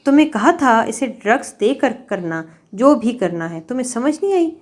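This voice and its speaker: A woman's voice: fairly high pitch, expressive, warm tone, natural voice. A scheming older male villain in an audio novel, voiced by a woman reader. He speaks in short, cold commands and brooks no argument. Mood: commanding, cold. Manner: curt, commanding. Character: scheming older man, a commanding, predatory father.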